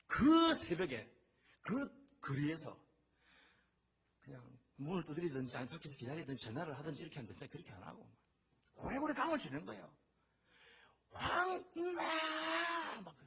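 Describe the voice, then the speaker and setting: Man, middle-aged, pastor preaching, high-ish voice, very expressive storytelling. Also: creaky. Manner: lively storytelling, acting out quoted voices. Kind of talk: sermon.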